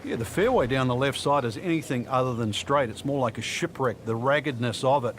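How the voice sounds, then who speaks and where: A man with a natural, mid-range voice speaks fairly quickly, playing a folksy, knowing golf commentator for a video game broadcast. He explains things in a conversational, wry manner, with a little hiss or hum in the audio.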